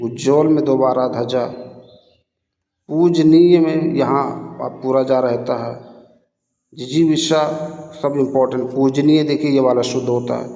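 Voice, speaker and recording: Echoey Hindi teacher, man, slow and repetitive. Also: medium pitch, dark tone. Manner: slow, repeats answers, checks in with "है ना". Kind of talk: exam prep lesson. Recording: echoey room, faint ambience.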